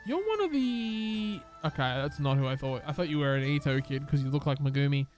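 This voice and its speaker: A man's voice: medium pitch, monotone, fast talker, faint music behind. A man giving casual live-stream commentary while playing a game, chatty and upbeat, talking to his chat and to the characters.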